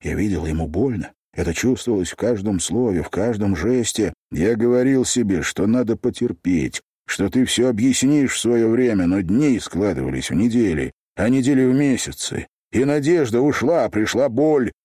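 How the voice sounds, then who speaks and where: A man's voice: lowish voice, animated, normal speed, few pauses, warm tone, breathy edge, no echo, clean studio sound. A man reading an audiobook, voicing an embittered young man who speaks coldly and accusingly. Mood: bitter. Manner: bitter, accusing.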